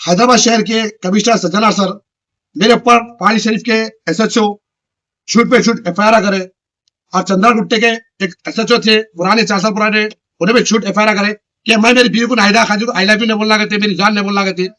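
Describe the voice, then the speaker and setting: A man, the chairman of a local news channel, ranting to the camera in loud, repetitive short bursts. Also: high voice, steady tone, a little fast.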